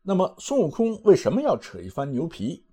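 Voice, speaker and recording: Man, husky voice, lively swinging pitch, chatty commentary, rhetorical questions. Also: brisk. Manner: animated, asks rhetorical questions and answers them. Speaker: storyteller and commentator. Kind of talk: casual explanatory commentary on a classic novel.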